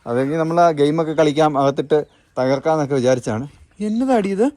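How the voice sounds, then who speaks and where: A woman's voice: sits low, lively intonation, fast talker, warm tone. A woman chatting casually in a home vlog, teasing and coaxing small children outdoors and then inside the house. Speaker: family vlogger.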